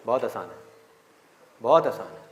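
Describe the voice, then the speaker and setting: A man's voice: on the low side, lively intonation, moderate pace. A man giving a motivational session to a live audience in a hall, full of rhetorical questions and acted-out voices. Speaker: motivational speaker. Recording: echoey hall with faint crowd.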